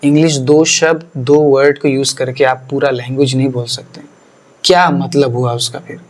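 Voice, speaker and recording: A man's voice: medium pitch, steady tone, normal speed. A man, a pastor, explaining his teaching earnestly in a podcast, slipping English phrases into his talk and repeating words for emphasis.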